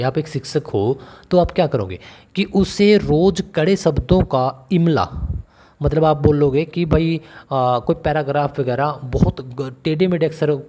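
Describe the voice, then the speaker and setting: A male tutor talks through a teacher-exam lesson in a chatty way, often calling the listener brother and throwing questions back at them. His voice sits a little high, with a warm, mellow tone. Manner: conversational, calls the listener brother and asks questions. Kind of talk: online exam-prep lesson.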